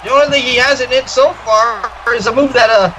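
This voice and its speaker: A man with a high voice works as a wrestling commentator, reacting to moves and chatting through the analysis. The recording is noisy, with a steady live-event rumble behind him. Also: moderate pace.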